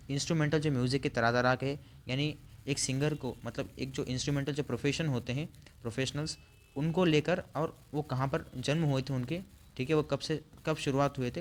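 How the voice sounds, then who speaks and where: A male teacher giving an online class, reading out long lists, slowing down on hard names and adding frequent fillers. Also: medium pitch. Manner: reads out lists, adds frequent "theek hai" fillers; slows down to spell out hard names.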